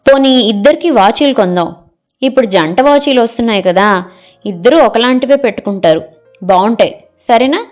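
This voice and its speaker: A woman's voice: fairly high pitch, animated, brisk, darkish tone, soft background music, lightly acted. A woman reading the part of a middle-aged husband in an audio story, eagerly offering one gift idea after another. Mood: coaxing. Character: husband, a middle-aged man, proud and easily exasperated.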